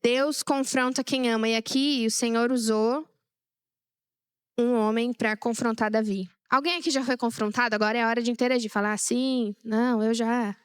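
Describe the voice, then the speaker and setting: A woman's voice: fairly high pitch, steady tone, moderate pace, smooth, no room sound, clean studio sound. A young woman preaching a sermon, chatty and sharing personal stories with the congregation.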